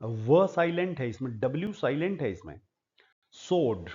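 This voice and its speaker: A man from India, teaching English pronunciation in a slow lesson and repeating each word several times. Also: mid-range voice, very animated, darkish tone, highs cut off.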